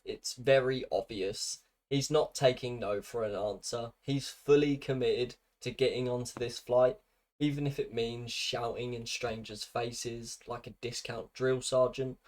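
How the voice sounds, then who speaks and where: A British man narrating a commentary video in a dry, mocking way, with scripted sardonic remarks. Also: medium pitch.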